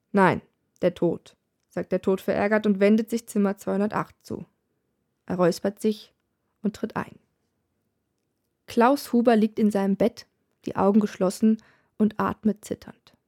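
Woman narrator for a wry, dryly comic story reading; mid-pitched voice. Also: fairly even intonation, moderate pace, pauses often, warm tone.

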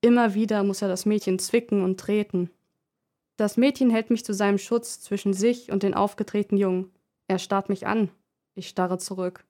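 A woman reading a first-person story aloud in a calm, measured way. Her pitch stays in a middle range, steady and unhurried. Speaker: narrator.

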